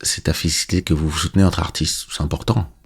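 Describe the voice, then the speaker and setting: Very deep gravelly-voiced man. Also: faint music behind. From Congo, raised in France from age seven. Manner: relaxed and unhurried, pauses with filler sounds. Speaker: musician hosting a livestream Q&A. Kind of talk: casual livestream chat reading viewer questions. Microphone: dynamic podcast-style microphone.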